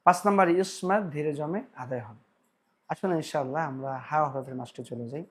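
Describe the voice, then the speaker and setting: A man teaching Quran pronunciation, explaining slowly and drawing out practice syllables. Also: a little high, expressive, husky. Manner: slow, deliberate explanation with drawn-out practice syllables. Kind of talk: tajweed pronunciation lesson.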